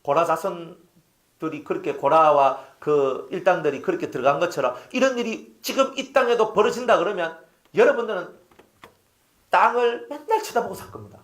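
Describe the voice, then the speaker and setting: A man's voice: sits high, normal speed. A middle-aged male pastor who preaches a sermon, acts out quoted speech and keeps asking the congregation questions.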